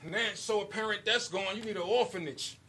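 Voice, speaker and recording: Fast and high-voiced, a man battles on the mic with punchy rhythm, chuckling here and there between bars, in a very noisy clip. It's a loud live crowd recording from an indoor basement battle venue, where people cheer and shout.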